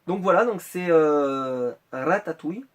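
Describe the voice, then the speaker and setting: A man's voice: on the high side, expressive, unhurried. A man from France chatting casually through an unboxing vlog, rambling and hesitating often. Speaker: Funko Pop collector vlogger.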